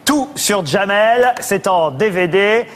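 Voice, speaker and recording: A man's voice: high voice, expressive, takes it slowly, fairly bright tone. A man hosting a talk show, interviewing his guest and presenting items in a conversational way.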